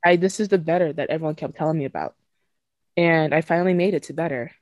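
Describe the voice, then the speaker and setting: Her voice low-pitched and darkish, a Nigerian woman in her 20s talks quickly as a podcast host, frank and emotional, swearing casually and laughing between thoughts. There's no echo.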